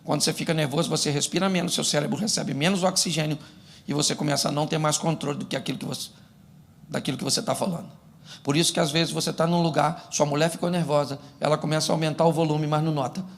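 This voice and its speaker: A man's voice: fairly high pitch, steady tone, fast talker, creaky, slight background noise. A man from Brazil, a pastor giving a humorous sermon, telling stories and acting out couples' quarrels in a church. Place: church before a laughing congregation.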